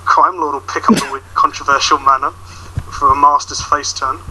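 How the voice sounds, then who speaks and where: A man's voice: a little high, little pitch movement, brisk, sharp tone, slight background noise, rough recording. A man bantering casually and teasingly as a podcast guest. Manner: joking, teasing.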